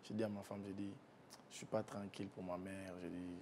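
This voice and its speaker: With a faint rumble beneath the recording, a guest speaks haltingly to an interviewer about a painful family story. His voice is soft, shows little pitch movement, drops low in the heaviest parts, and he keeps restarting his sentences.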